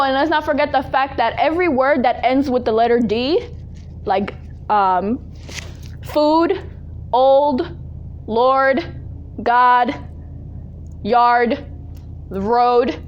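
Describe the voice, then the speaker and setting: A young storytelling vlogger with a high-pitched voice tells casual comedic stories in a sassy, exaggerated way, mimicking her relatives. She takes her time and pauses often. The recording is muffled, with audible background noise.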